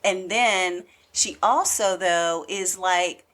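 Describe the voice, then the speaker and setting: A woman's voice: on the low side, slow pace, a bit bright. A woman co-hosting an entertainment podcast, chatting casually and chattily with many fillers and asides. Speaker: podcast co-host.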